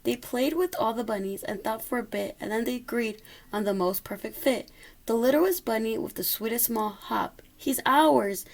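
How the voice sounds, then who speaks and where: A woman's voice: a little high, moderate pace, darkish tone. A woman reading a rhyming children's story aloud expressively, occasionally stumbling over a word. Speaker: storybook reader.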